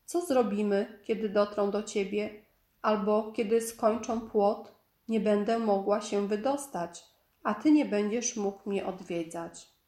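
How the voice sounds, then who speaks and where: A woman voicing a brave, gentle young girl in a storybook, speaking earnestly and pleadingly. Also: mid-range voice, slow pace, natural voice. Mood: worried. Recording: echoey room.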